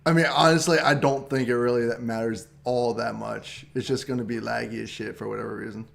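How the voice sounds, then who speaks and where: A young man co-hosting a gaming talk show over an online voice call, relaxed, laughing easily and swearing casually. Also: medium pitch, a little fast, vocal fry. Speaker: podcast co-host.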